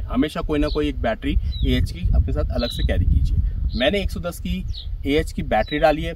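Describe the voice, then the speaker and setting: A middle-aged man talks through his camper van build in a practical, explanatory way. His voice sits at an ordinary pitch and sounds a little distant from the camera. Faint outdoor ambience is heard behind him on the open hillside. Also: noisy background. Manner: practical, explanatory, gestures while talking. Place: outdoors on a grassy hillside beside a small car. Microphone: camera at a few metres.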